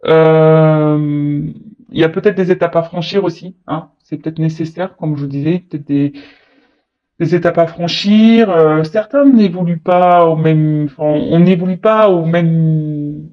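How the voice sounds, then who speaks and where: A woman's voice: low-pitched, fairly even intonation, measured pace, highs cut off. Hesitant chatty woman reading tarot cards. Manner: hesitant, full of fillers and restarts, chatty and teasing. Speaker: tarot card reader. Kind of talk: casual tarot reading to viewers.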